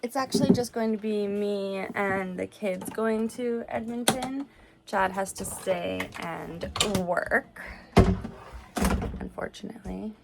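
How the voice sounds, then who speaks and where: A mom vlogger with young kids chats informally to viewers and her children, thinking aloud in casual home-video style. Her mid-range voice is slow and gravelly, with heavy background noise and music.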